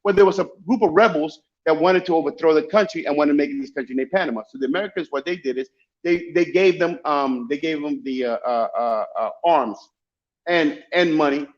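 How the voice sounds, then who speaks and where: Dull lo-fi recording, man, Dominican-influenced accent, rapid speech, emphatic casual storytelling, repeated phrases. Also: a little high. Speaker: guest, travel YouTuber. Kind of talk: casual chat, animated storytelling. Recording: dull lo-fi call audio.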